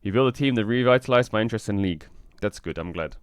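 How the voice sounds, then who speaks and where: A man streaming in casual chat, frank and rambling, swearing often, with a flat delivery because he just woke up. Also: fast talker, smooth, no echo, studio quality. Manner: flat, low-energy delivery. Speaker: streamer and esports team owner.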